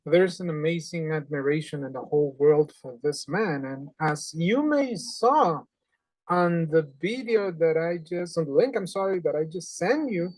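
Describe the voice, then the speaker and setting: Casting: man in his forties from Honduras, teacher, earnest and animated, close dry webcam sound. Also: high voice, no room sound, rough recording. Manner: earnest, animated, with non-native phrasing. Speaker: English teacher. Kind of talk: online class lesson. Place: small indoor room at home. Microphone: webcam on a video call.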